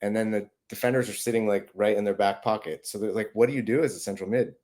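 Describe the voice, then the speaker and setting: A man's voice: on the low side, fast, darkish tone. A man hosting a podcast, chatting casually and agreeably with his guest. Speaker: podcast host. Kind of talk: casual chat.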